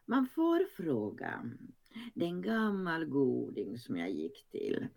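A woman's voice: vocal fry, exaggerated voice. A woman doing a bawdy, cheeky old lady. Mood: gleeful, bawdy. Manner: gleeful, animated, raises her voice high. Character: bawdy cheeky older woman, plump, unapologetic.

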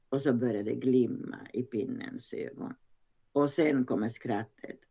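A woman reading a story aloud in an expressive narrating voice. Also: very deep voice.

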